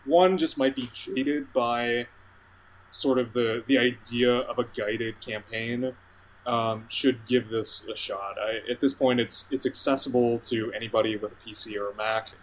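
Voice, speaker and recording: A man's voice: mid-range voice, steady tone, measured pace, rough recording. A man co-hosting a casual game podcast, hesitant and repeating words as he goes. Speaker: podcast co-host. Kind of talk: casual chat.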